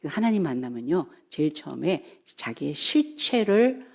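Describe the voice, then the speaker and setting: A middle-aged woman pastor preaching a sermon, telling the story in a lively way and acting out the voices of its people. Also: sits low, measured pace, creaky. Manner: animated storytelling, acts out quoted voices.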